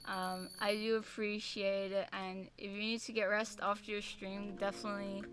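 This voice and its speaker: A woman's voice: medium pitch, level tone, moderate pace. A woman chatting casually on a livestream as a variety streamer, with a cute, bubbly, apologetic anime-streamer manner. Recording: music behind the voice. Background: music.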